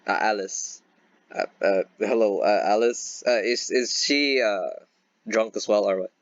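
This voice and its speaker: A man's voice: lowish voice, a little slow, dry recording, lo-fi sound. A man playing in a tabletop game, talking hesitantly with many fillers and restarts. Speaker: player. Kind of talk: casual tabletop role-play chat.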